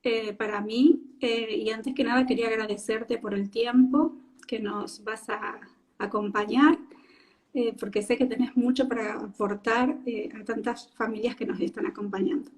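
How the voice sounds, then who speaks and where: A woman's voice: fairly high pitch, fairly even intonation, normal speed. A woman with an Argentine Spanish accent, a speech therapist hosting a live-stream interview over a video call, speaking in a friendly way with frequent filler sounds.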